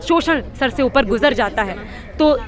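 Young woman, student activist, high-pitched, fiery and rhetorical, outdoor protest interview, handheld press mics. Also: lively intonation, unhurried, a faint crowd. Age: young adult. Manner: fiery, rhetorical, many fillers and restarts. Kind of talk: impassioned street interview. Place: outdoor street protest in a crowd. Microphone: several handheld press mics held close.

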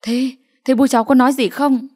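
Woman narrator putting on an elderly village grandma, high, quick, sharp-tongued; audio storybook. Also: steady tone. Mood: alarmed. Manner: scolding, frantic, rapid-fire.

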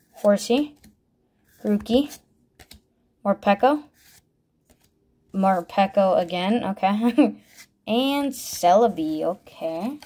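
Her mid-range voice is a little mellow as this woman vlogger unboxes trading card packs. She announces cards one by one in short bursts and fills the gaps by thinking aloud, all in a casual tone.

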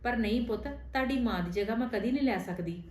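A woman playing a patient stepmother who softly coaxes and pleads with her stepson in a homemade family drama. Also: a little high, fast, lightly acted. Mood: resigned. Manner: soft, coaxing, affectionate pleading. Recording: roomy room with faint music.

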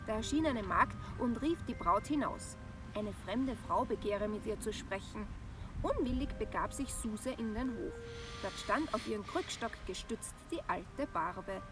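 A woman's voice: mid-range voice, measured pace. A woman reading a fairy tale aloud expressively for children. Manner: expressive, acts out voices in dialogue. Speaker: storyteller. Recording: distant with background music.

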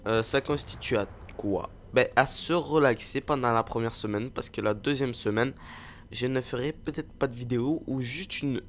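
A man's voice: medium pitch, moderate pace, a little hiss or hum. A young man giving rambling, playful live commentary over a video game, with lots of fillers and jokes at his own expense. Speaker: gaming video host.

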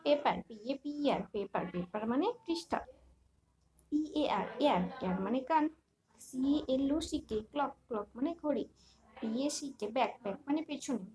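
A woman teaching a primary English lesson, spelling each word letter by letter and giving its meaning in a slow, deliberate way. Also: high voice, expressive, crowd noise, rough recording. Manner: spells words letter by letter, then gives meanings. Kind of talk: reading out an English workbook lesson.

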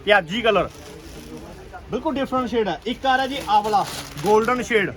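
A man with a Punjabi accent giving an urgent, repetitive, enthusiastic sales pitch as a shop seller on an online video. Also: animated, a little fast, a bit bright. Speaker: clothing shop seller presenting stock. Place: busy clothing shop.

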